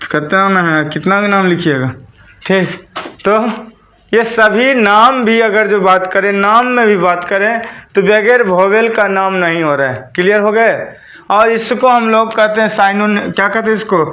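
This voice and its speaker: Guy teaching class at a board, high bright voice, spells out letters, asks the room stuff. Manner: slow, repeats questions to the class and spells words letter by letter. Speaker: English teacher. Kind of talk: classroom lesson.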